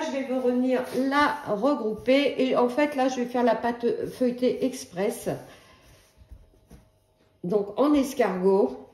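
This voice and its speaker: A woman's voice: fairly high pitch, a little mellow, roomy sound, slight background noise. A woman giving a casual cooking demonstration in a home kitchen, talking in a chatty, hesitant way with many fillers.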